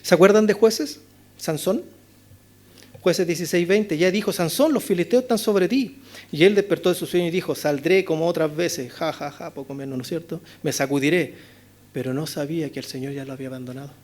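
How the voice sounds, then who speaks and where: This Chilean-accented pastor speaks quickly with a fairly high pitch as he delivers an expository sermon in a church chapel. Rhetorical questions pepper his preaching, he often adds "¿no es cierto?", and his volume moves between loud and hushed.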